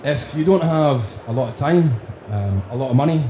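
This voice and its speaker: A man with a broad Scottish accent giving a prepared conference talk, speaking deliberately in emphatic lists. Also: medium pitch, lively intonation. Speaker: conference speaker, company director. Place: indoor conference room. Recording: roomy, echoing venue with faint noise.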